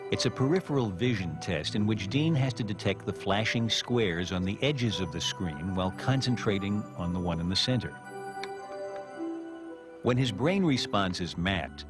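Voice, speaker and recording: A man hosting a science documentary, narrating in a measured, explanatory way. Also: on the low side. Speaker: documentary host. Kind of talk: scripted narration and interview questions.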